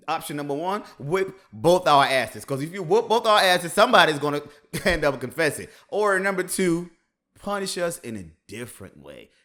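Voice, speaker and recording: A man giving casual reaction commentary, chatty and animated, often laughing. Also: mid-range voice. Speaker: reaction host.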